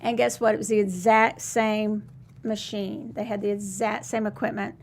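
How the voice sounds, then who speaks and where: Chatty woman with a gravelly vocal fry. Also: medium pitch, little pitch movement, moderate pace, a little mellow, a little hiss or hum. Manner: chatty, restarts and trails off, laughs easily. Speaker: co-host and tarot reader. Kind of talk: casual live-stream chat with card readings.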